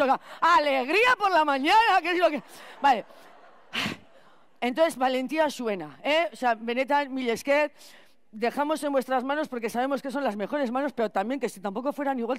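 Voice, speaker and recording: A woman playing a scatterbrained, chatty school cleaner in a clown stage monologue, rambling with restarts and loud outbursts. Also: high voice. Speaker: clown performer.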